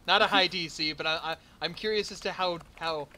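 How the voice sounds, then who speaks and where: Bright-voiced male game master. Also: fairly high pitch, fairly quick, slight background noise. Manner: playful, punning, laughs often. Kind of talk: running a tabletop game.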